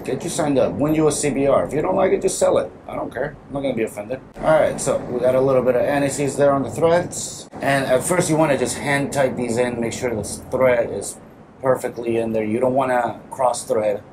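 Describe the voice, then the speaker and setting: Brisk and mid-range in pitch, this male motorcycle vlogger, probably thirtyish, chats informally while wrenching in a small garage for his casual how-to channel. Clear workshop noise fills the background.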